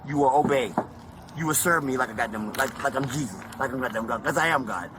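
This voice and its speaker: A man's voice: medium pitch, quick pace. An American man ranting in an agitated, grandiose way at police, swearing and repeating his demands. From North Carolina, US. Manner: demanding, profane, grandiose, repetitive. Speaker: detainee being arrested. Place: outdoors on a street during an arrest. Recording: noisy outdoor street with vehicles.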